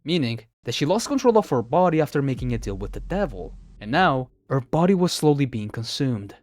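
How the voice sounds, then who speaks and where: The narrator of a horror countdown video, a man with a slightly high, darkish voice, reads a script recapping stories. The recording is dry.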